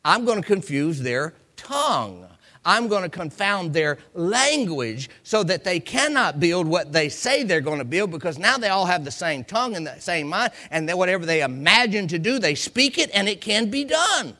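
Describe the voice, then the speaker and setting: Preaching a casual Bible lesson, this American man sounds very animated, his sharp-toned voice sitting high and moving at a moderate pace. His folksy style has him acting out examples and quotes, with repeated phrases to hammer his point home.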